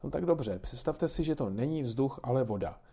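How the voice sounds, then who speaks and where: A man's voice: medium pitch, animated, gravelly, slightly rough, voice pushed up. A man voicing patient kindly grandmother. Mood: patiently explaining. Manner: patient, gently explaining. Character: kindly grandmother explaining weather to children.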